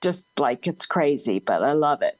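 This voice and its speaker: A woman's voice: low-pitched, sing-song, moderate pace, noisy background. A woman speaking as an interview guest in a casual conversational way, open and chatty, with a slight slur and a tendency to laugh. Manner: slight slur in her speech. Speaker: interview guest, support group leader.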